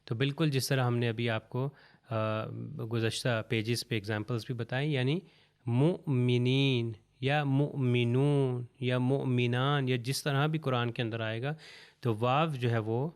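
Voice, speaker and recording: Man, Quran recitation teacher, smooth resonant tone at a mid pitch, patient and slow on every example word. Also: fairly even intonation. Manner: patient, repeats each word slowly and deliberately. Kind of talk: step-by-step recitation lesson.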